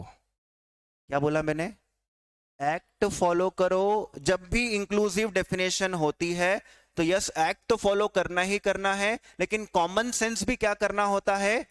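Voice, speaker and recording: A man's voice: sits high, a bit bright, clear, resonant tone, dry recording, studio quality. A man teaching a tax law class with an Indian accent, quizzing students and answering his own questions. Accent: Indian English. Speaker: tax lecturer. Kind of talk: classroom lecture.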